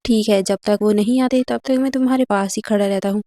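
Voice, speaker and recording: A woman's voice: mid-range voice, steady tone, a little fast, warm tone, dry recording, studio quality, natural voice. Woman reading as a pushy scheming professor. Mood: coaxing. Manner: insistent, overbearing.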